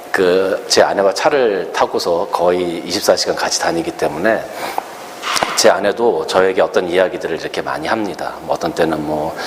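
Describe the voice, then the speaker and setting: A middle-aged man preaching a sermon as a pastor, lively and humorous, acting out the lines he quotes. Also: deep voice, big-room sound, a little hiss or hum.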